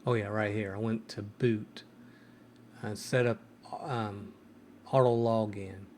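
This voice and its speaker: A man's voice: lowish voice, fairly even intonation, takes it slowly, darkish tone, a little hiss or hum. A man hosting a casual screen-recorded tech tutorial, hesitant and full of ums and restarts. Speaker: tech video host.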